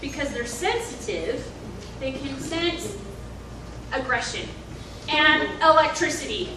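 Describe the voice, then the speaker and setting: A woman's voice: sits high, lively intonation, slow pace. Mock-earnest woman host. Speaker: improv radio show host. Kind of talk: improv comedy sketch. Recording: echoey stage, far from mic, noise.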